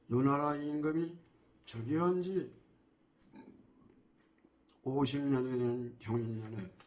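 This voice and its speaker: Man giving a measured history lecture. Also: mid-range voice, darkish tone. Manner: measured, asks rhetorical questions, pauses with "ah" fillers.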